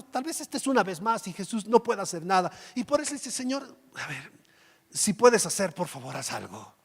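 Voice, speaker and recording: A male pastor preaching a conversational sermon, using rhetorical questions and acting out Bible dialogue. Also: high-pitched. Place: large church hall. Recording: reverberant church hall with faint music.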